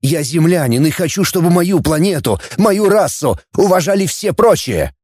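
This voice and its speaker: A man's voice: fairly high pitch, big pitch swings, moderate pace, darkish tone, no echo, studio quality, pitched above the performer's own voice. A man voicing a young junior space officer who argues his case with earnest, fervent conviction.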